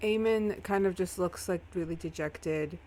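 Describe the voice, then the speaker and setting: A woman's voice: lowish voice, unhurried, dark tone. A woman narrating as game master, casual and a little profane. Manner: casual, swearing.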